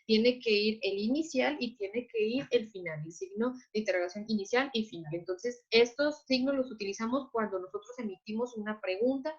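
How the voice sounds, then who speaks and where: A woman teacher, patiently explaining to her class and often checking that students follow. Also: on the high side. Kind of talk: online class lecture. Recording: muffled lo-fi audio.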